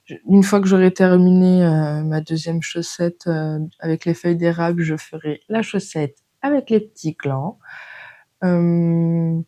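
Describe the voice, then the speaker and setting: Slow, mellow French woman chatting. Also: on the low side, steady tone. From France. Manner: chatty, hesitant, many fillers. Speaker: knitting podcast host. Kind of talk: casual chat.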